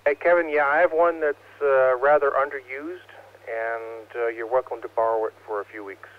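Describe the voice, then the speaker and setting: A man's voice: medium pitch, fairly even intonation, moderate pace. A man chatting casually as an amateur radio operator over a two-way radio. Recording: thin phone-like radio link with hum.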